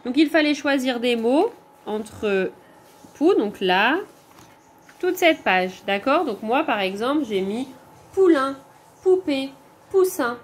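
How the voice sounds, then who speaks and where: A woman's voice: high voice, big pitch swings, husky. A woman teacher with a French accent, patiently walking young pupils through the corrections of their homework, step by step. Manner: slow, patient, pointing things out step by step. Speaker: primary school teacher.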